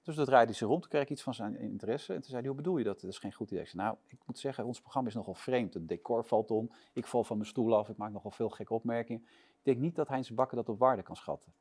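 A man being interviewed, telling a long anecdote in a lively way and acting out the shouts and lines of the people in it. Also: mid-range voice, fast, slightly rough. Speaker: interview guest, sports presenter.

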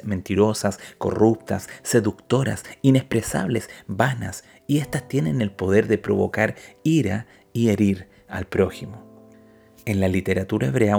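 A man narrating a moral story and reflection in a measured, scripted way, with emphatic swells. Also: fairly low pitch, gravelly, a little mellow, slightly rough.

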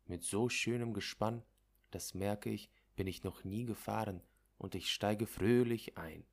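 Deep-voiced man reading literature aloud. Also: vocal fry. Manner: measured, dramatic storytelling. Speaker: narrator.

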